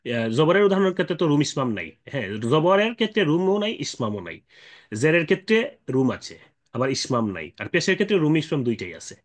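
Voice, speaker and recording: A man's voice: fairly high pitch, very animated. Man patiently teaching Quran recitation. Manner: explains patiently with frequent fillers and checking questions; slow drawn-out chanted Quranic recitation examples. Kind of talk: explanatory tajweed lesson.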